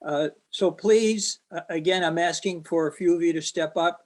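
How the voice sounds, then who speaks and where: A man making an announcement at a club meeting, asking for volunteers, speaking haltingly with fillers and restarts. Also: on the high side.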